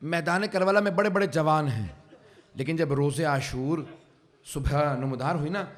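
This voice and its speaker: A man with a high-pitched voice delivers a mourning sermon in a hall. He tells the story slowly and with grief, and his voice swells at times into anguished cries. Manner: slow grieving storytelling, rising to cries. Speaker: preacher. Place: religious centre hall.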